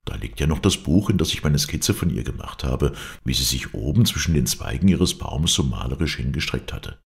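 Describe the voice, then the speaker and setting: A man's voice: extremely low pitch, sing-song, normal speed, vocal fry, full character voice. A man voicing an eager, lovestruck young bridegroom in an audiobook fairy tale. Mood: earnest. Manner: eager, earnest.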